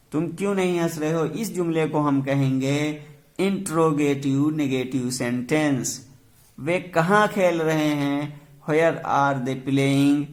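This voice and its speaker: A man teaching English grammar in with words, explaining step by step and reading the English examples out very slowly. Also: fairly high pitch. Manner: slow, deliberate, reads English examples very slowly. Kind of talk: grammar lesson explaining sentence rules.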